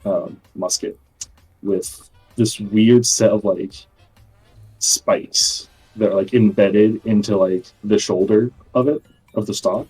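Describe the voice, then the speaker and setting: A man with a low, mellow voice narrating in a tabletop game. He hesitates and fills pauses often. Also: steady tone, faint music behind, low-quality recording. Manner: hesitant, many fillers. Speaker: player.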